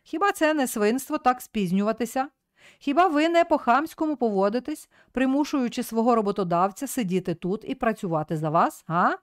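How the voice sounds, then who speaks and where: A woman reading aloud voices a rude, bullying male newspaper editor who scolds and shouts at his staff. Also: fairly high pitch, expressive, brisk, dry recording, clean studio sound, natural voice. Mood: scolding.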